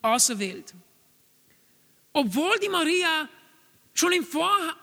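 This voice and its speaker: Male preacher, very high voice, earnest and urging, long hall reverb. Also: pushed and bright. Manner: earnest, urging, repeats key phrases. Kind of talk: sermon.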